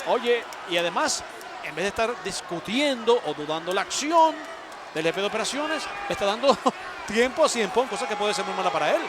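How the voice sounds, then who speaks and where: Male wrestling color commentator, high pitch, animated and emphatic, doubles phrases for effect, clear crowd noise behind him. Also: brisk. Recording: noisy arena crowd. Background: arena crowd.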